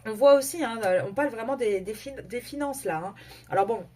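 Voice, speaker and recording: A woman giving a casual tarot and oracle card reading to her viewers, talking in a halting way with many fillers and self-corrections. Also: on the high side, warm tone.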